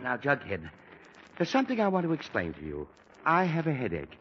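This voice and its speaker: This is 1940s radio acting, heard through a dull recording with faint hiss. The man's medium-pitched voice swoops wildly and moves a little fast as he portrays a teenage boy's father: middle-aged, exasperated, nursing a headache, fussy and quick to irritation.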